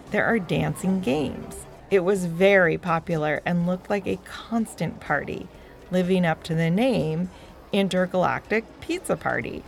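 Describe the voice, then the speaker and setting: Singsong kids' storyteller woman with creaky edge. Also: fairly low pitch. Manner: playful, talks directly to young listeners. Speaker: host and storyteller of a children's podcast. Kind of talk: children's story narration with chatty asides.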